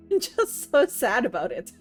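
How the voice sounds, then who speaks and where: A woman's voice: on the high side, wildly swooping pitch, unhurried, faint music behind. A woman streaming a puzzle game, thinking aloud and chatting with her viewers in a sleepy, musing way. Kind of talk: casual gameplay commentary.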